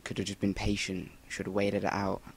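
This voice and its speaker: Recorded with a little hiss or hum through a cheap Rock Band USB microphone, this young English gameplay commentator speaks in a deep, gravelly monotone at a brisk clip. He rambles and swears while narrating a shooter game.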